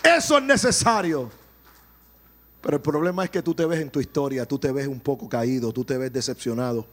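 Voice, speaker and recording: A Puerto Rican man preaching a sermon, animated, swelling to shouts and dropping into joking asides. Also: mid-range voice, brisk. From Puerto Rico.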